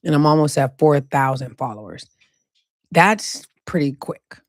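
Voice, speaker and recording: A woman hosting her own podcast, talking casually and loosely about faith, slowing down to repeat her key points with emphasis. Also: low voice, lively intonation, no echo, studio quality. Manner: slow emphatic repetition of key phrases, casual and profane. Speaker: podcast host. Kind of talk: casual faith-themed monologue.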